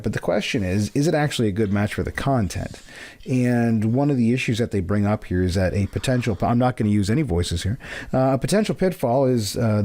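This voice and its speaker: Animated male podcast host. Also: mid-range voice, dry recording. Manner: lively, jokey, rambling with restarts. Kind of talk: casual chat.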